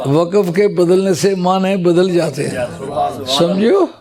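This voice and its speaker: A man giving a scholarly religious talk to a gathering, explaining points patiently and reciting Arabic phrases slowly. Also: sits high, over a noisy crowd.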